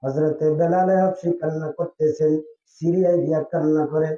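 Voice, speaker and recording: A man preaching a sermon, telling a story in a melodic voice that swings into loud cries. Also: on the high side, little pitch movement, a little fast. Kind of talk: sung-spoken sermon storytelling. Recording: echoey, distant, tinny phone-like sound.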